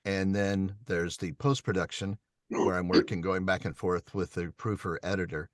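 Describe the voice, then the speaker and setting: A man who narrates audiobooks answers questions on a video call. He explains things in a measured way with frequent ums. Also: sits low, little pitch movement, dry recording.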